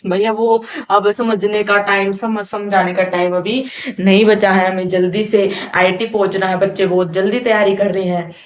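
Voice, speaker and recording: A woman's voice: medium pitch, flat delivery, normal speed. Woman teacher doing a chatty online class, asks the kids stuff then answers it herself, throws in english words. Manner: chatty, asks and answers her own questions; mixes English terms into speech. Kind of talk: casual classroom lecture.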